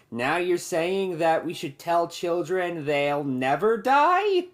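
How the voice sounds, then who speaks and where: Man, video commentary, sarcastic, analytical. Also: on the high side.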